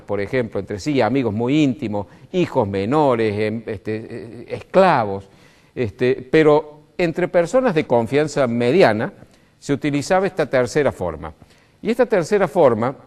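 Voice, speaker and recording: A man's voice: mid-range voice, darkish tone. An Argentine man with a Córdoba accent, explaining grammar in a didactic way, full of "este" fillers and rising stresses. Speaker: speaker on language. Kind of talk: explanatory talk.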